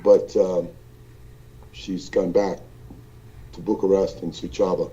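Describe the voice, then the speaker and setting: A man's voice: low voice, little pitch movement, takes it slowly, mellow, lo-fi sound, a little hiss or hum. A man speaking over an internet call from a hotel hallway, sounding distant and echoey as if in a cave, rambling with many fillers and restarts. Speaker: guest calling in from a trip. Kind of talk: casual call-in chat. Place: hallway of a small hotel room.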